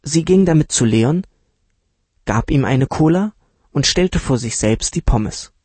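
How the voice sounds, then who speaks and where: A man reading a children's story aloud in a calm, unhurried manner. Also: on the high side, husky, dry recording. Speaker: narrator.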